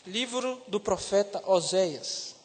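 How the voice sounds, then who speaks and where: High-voiced preacher in a reverberant church. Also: male voice, expressive, slow pace. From Salvador, Brazil. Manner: rises to loud emphatic peaks on key words. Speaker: seminarian preacher. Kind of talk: sermon.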